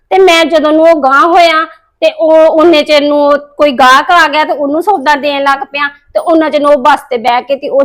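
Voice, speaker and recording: A woman's voice: sits high, a bit bright. A woman playing a practical daughter explaining events to her worried mother in a family drama. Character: young woman reasoning calmly with her mother.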